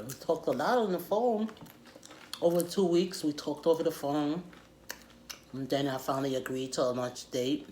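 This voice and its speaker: A middle-aged woman telling a personal story in a casual, halting, animated, conversational way. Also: a bass voice. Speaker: storytime vlogger. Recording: clear background noise.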